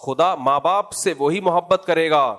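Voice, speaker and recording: A preacher with a voice on the high side, fairly bright in tone, lectures on the Quran in a Pakistani Urdu accent. He keeps asking rhetorical questions and supplying the answers, with asides in which he mimics casual scolding.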